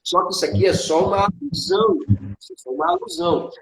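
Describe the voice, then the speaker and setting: A man's voice: sits high, sing-song, fast, vocal fry, fairly bright tone. A man with a Brazilian accent preaching in a conversation, emphatic, asking rhetorical questions and answering them himself. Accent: Brazilian Portuguese. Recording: echoey room with faint noise.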